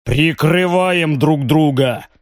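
A man's voice: on the high side, slow, no echo, clean studio sound. A man voicing an armored male warrior whose commands come muffled through a helmet. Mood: commanding. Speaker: audiobook reader voicing a character.

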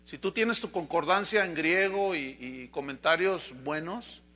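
A man preaching a sermon as pastor, telling a fable with animated storytelling. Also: a little high, a little slow.

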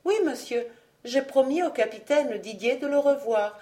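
Woman doing a proud young noble lady, earnest, holding back, a bit higher voice. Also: moderate pace, mellow, natural voice. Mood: pleading. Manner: earnest, restrained, respectful.

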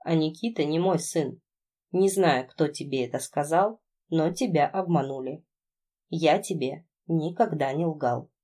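A woman doing a composed young husband in an audiobook, his voice dropped low and dark. He talks in a steady, measured way, holding back his feelings. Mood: calm. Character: calm composed husband, young adult man.

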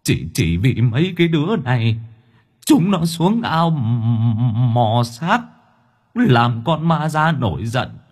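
A man's voice: medium pitch, expressive, takes it slowly, breathy edge, exaggerated voice. A man voicing the ghost of an old man who stammers and whimpers as he begs for mercy. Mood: whimpering, begging. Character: wailing drowned old man's ghost.

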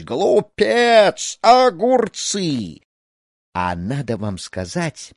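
Guy telling a folk tale, really lively pitch, dry close sound. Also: no room sound. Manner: expressive, animated storyteller. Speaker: narrator. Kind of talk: storytelling narration of a folk tale.

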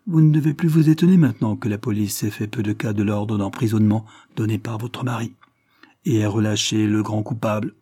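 A man reading the part of an older lord, mocking and secretive, speaking in a wry, measured way. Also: lowish voice, mellow, breathy edge, no echo, studio quality.

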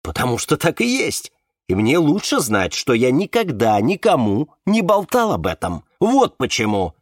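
A man reading a novel aloud, voicing an evasive man on a speakerphone who keeps trying to calm everyone down. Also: medium pitch, normal speed, dry recording, studio quality. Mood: firm. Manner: placating.

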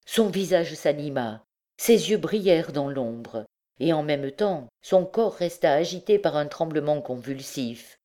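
A woman reading a classic novel aloud as an audiobook, in a steady, clear narrating voice. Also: deep voice. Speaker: audiobook reader.

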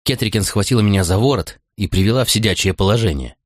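Deep-voiced male audiobook narrator. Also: fast talker, no echo, clean studio sound. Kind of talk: first-person audiobook narration.

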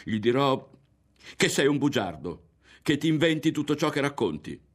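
A man voicing an excitable, touchy boy who talks in a raised, eager voice in an audiobook reading. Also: mid-range voice, moderate pace, voice pushed up. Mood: taunting.

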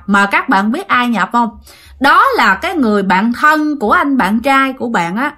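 A woman's voice: a little high, sharp tone. A woman telling a ghost story, chatting directly with her listeners.

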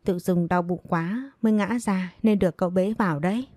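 A woman's voice: lowish voice, brisk, dark tone, no echo, natural voice. Sly, whining servant girl, read by a woman storyteller; dry, close sound. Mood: whiny. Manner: whining, pleading.

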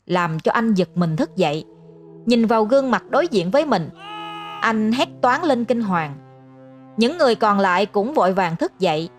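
A woman telling a scripted ghost story in a steady, even narration. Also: medium pitch, dry recording. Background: faint music.

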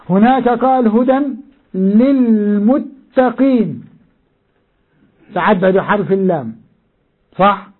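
An older man gives a classroom lesson on scripture, and his voice sits high for a man. His tone is husky and a little rough. The sound is thin and boxy, like an old phone line. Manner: explanatory, addresses students directly, repeats key words. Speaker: Quran interpreter and teacher. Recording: muffled phone-like lo-fi recording.

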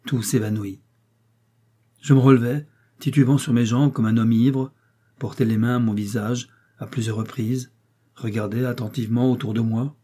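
Dark-voiced man narrating a novel. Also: medium pitch, steady tone, slightly rough. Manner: slow, measured, dramatic storytelling. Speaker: audiobook narrator.

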